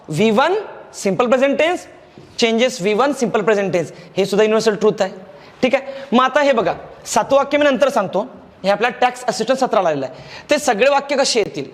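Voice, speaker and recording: A man's voice: very high-pitched, long reverb tail. A man with a Marathi accent teaching a grammar lecture, explaining patiently, repeating key phrases and checking that students follow. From India.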